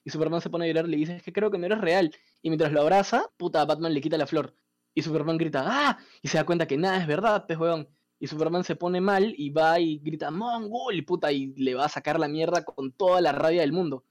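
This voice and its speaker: A man, casually retelling a comic story as a podcast host, animated and profane. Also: on the high side, quick pace.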